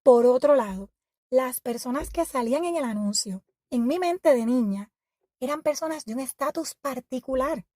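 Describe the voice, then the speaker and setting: A woman hosting an educational podcast, reading a scripted narration in a measured, reflective and explanatory way. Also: sits high, animated, mellow, no room sound, clean studio sound. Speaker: podcast host.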